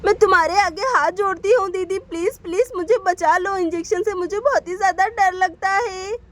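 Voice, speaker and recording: A woman voicing a frightened young neighbour who pleads in a hurried, breathless way. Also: extremely high pitch. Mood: panicky. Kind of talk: storybook voice acting.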